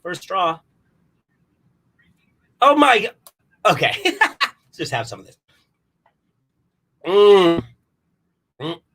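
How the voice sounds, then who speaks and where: With a high, slightly bright voice, he swings widely in pitch, draws out his words and pauses often, over slight background noise. A comedic performer in an online showcase, he rambles to camera in a flustered, apologetic, self-deprecating monologue, exclaiming in sudden theatrical outbursts.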